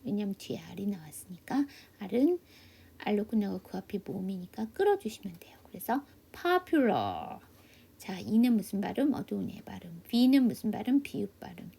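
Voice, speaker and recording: A woman teaching English pronunciation in an online class, asking questions and answering them herself, often dropping to a soft half-whisper. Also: mid-range voice, lively intonation, normal speed, vocal fry, husky. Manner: patient step-by-step drilling, asks and answers own questions. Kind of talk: online phonics lesson. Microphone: computer mic for a video class.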